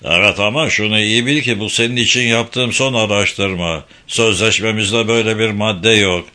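A man's voice: fairly low pitch, steady tone, moderate pace, sharp tone. A man reading an audiobook voices a grumbling man who complains over the phone. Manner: grumpy, complaining.

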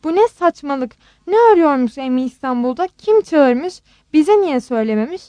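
A woman's voice: sits high, expressive, normal speed, no echo. A woman voicing a stunned middle-aged husband who stammers in disbelief. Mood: bewildered. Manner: stammering, bewildered.

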